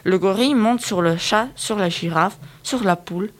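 A woman narrating a children's picture-book audiobook in a lively, engaging way, speaking directly to young listeners. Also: mid-range voice, normal speed, background noise.

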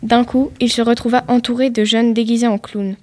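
A woman reading a story aloud in a steady, even way. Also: a little high, a little fast. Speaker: story reader.

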